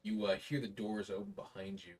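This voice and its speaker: A man improvising tabletop game narration as game master, in a halting, descriptive way. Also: on the low side, level tone, a little mellow, husky. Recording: voice distant from mic.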